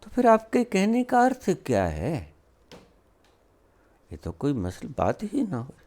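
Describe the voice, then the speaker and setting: A man giving a spiritual discourse, asking rhetorical questions and scolding in an emphatic, deliberate way. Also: a little high, wildly swooping pitch, darkish tone. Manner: slow with long pauses. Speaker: spiritual teacher.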